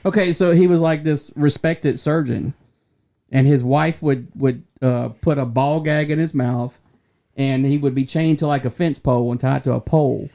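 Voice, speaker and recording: A man's voice: medium pitch, steady tone, normal speed, creaky, mellow. A man, co-hosting a podcast and rambling through crude stories in casual group chat. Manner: rambling storyteller, laughs through his own tales. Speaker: podcast co-host. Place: small podcast studio with several people.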